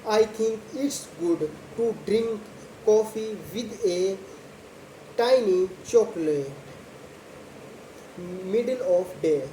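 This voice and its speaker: A young woman, not a native English speaker, talking very slowly and deliberately in short simple phrases as a practice monologue for learners. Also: mid-range voice, dark tone. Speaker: host of a slow English speaking practice video. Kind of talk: slow spoken monologue about a daily routine for English learners. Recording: echoey room with faint background noise.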